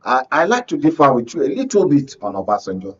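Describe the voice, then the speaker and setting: A mid-range male voice with huge pitch swings and a fast delivery comes through a muffled recording with slight background noise. He speaks with a Nigerian accent as a conflict reporter and panel guest in a radio and TV studio discussion, offering emphatic, rhetorical political commentary and regularly confirming that listeners follow.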